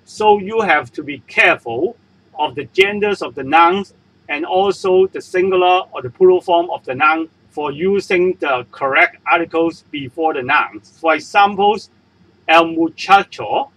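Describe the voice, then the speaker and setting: Over on-screen slides, a man with a Hong Kong accent and Cantonese as his native tongue gives a slow, explanatory beginner Spanish lesson. He repeats every example and translation patiently in a husky, slightly high, fairly bright voice, captured with poor audio.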